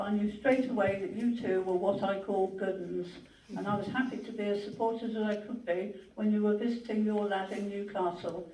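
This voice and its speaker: The host of a memorial gathering, reading tributes and introducing speakers in a gentle, unhurried way with small hesitations. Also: medium pitch. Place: large hall at a memorial gathering. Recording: echoey hall, from a distance, faint noise.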